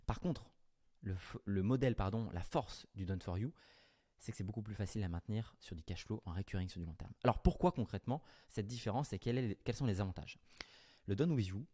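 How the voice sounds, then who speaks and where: A man talking to the camera as a business coach, explaining offers to viewers in a brisk, direct way and correcting himself as he goes. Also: fairly low pitch, warm tone.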